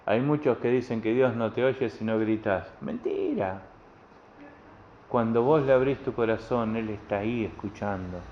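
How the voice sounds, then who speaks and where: Speaking at normal speed in a mid-range voice, this Rioplatense-accented pastor delivers his sermon plainly and conversationally, frequently repeating himself. A little hiss or hum sits in the dull, lo-fi recording, which has faint ambience.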